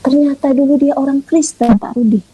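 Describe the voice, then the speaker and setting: A woman from Indonesia giving a conversational testimony in an interview, telling her story in a lively way and acting out the dialogue. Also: high voice, fairly quick, rough recording. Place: online audio room.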